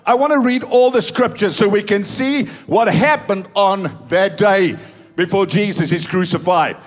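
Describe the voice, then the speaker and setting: A male pastor preaching a sermon and reading scripture aloud with emphatic pauses. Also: high-pitched. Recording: live church service with faint music behind.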